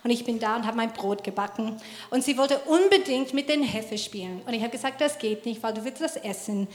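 A woman telling a parenting story in a casual faith talk, lively and laughing often, her German grammar slightly broken. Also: fairly high pitch, brisk. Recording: roomy echo.

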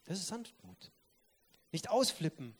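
A man preaching a sermon, speaking straight to his listeners and swinging between loud stressed words and soft, quiet asides. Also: sits high, big pitch swings, unhurried, slightly rough. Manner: emphatic, addresses listeners directly.

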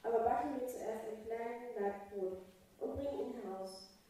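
A calm, commanding male prophet, read by a woman gives his orders in a plain reading voice. The voice sits fairly high and echoes heavily around a large hall. It comes from some distance, with faint noise underneath. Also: a little slow, lightly acted. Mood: reassuring.

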